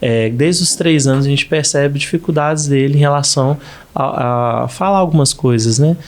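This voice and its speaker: Brief: Brazilian man, podcast host, mid-pitched, conversational, stumbling restarts. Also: normal speed. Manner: hesitant, many restarts.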